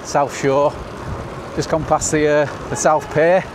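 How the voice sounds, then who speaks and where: A man's voice: fairly high pitch, flat delivery, takes it slowly. A middle-aged man with a northern English accent gives casual, chatty ride-along commentary outdoors, upbeat like a travel show host. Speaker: cycling vlogger. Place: outdoors on a bicycle. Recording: noisy outdoor recording, wind and traffic.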